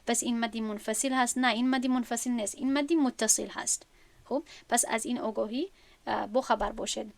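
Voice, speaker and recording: A woman gives a recorded lesson on Quran recitation. Her voice sits fairly high, and it sounds dry and close with almost no room around it. She works through each point patiently and restates things in other words. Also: fairly bright tone, dry recording. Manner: patient, explains step by step and rephrases often.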